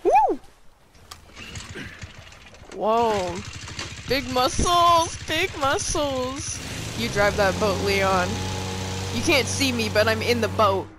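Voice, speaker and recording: A woman giving excitable let's play commentary on a horror game, swearing, laughing and fangirling. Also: mid-range voice, slow pace, pauses often, noisy background. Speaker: gamer playing a horror game.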